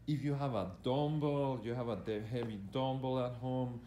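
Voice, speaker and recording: A male fitness coach commentates on an exercise demonstration from behind a handheld camera in an echoey gym. He instructs hesitantly, often repeating phrases, at a middling pitch, with faint noise in the background. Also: steady tone, moderate pace, mellow. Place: indoor gym. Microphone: handheld camera operated by the speaker.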